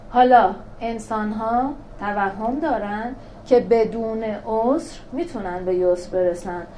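A woman teaching a religious class on scripture verses. She talks in a lively way, asks rhetorical questions and answers them herself, and recites verses slowly. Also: medium pitch, slight background noise. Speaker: teacher of a Quran class for women. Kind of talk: religious lesson explaining scripture.

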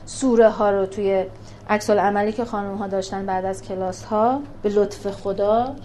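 A woman teaching a religious class on scripture verses. She talks in a lively way, asks rhetorical questions and answers them herself, and recites verses slowly. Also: mid-range voice, a little hiss or hum. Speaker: teacher of a Quran class for women. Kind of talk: religious lesson explaining scripture.

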